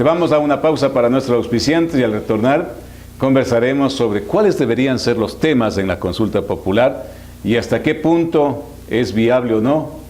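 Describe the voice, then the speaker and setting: A man's voice: mid-range voice, a little mellow. A man with an Ecuadorian accent hosting a formal political interview, speaking in wordy, formal phrases. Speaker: radio interviewer and host.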